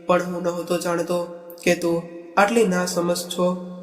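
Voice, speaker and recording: A man voicing a hurt, frustrated young husband in a read-aloud storybook, in a plain, even manner. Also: high-pitched, a little slow, roomy sound, big-room sound, far from the mic, faint music behind. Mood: pleading.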